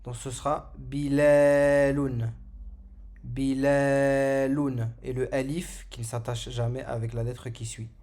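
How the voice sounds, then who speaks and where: A man's voice: mid-range voice, little pitch movement, normal speed, hardly any pauses, darkish tone, breathy edge. A man giving a patient, step-by-step lesson on Arabic letters, repeating each sound for learners. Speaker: Arabic teacher. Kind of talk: slow step-by-step alphabet lesson.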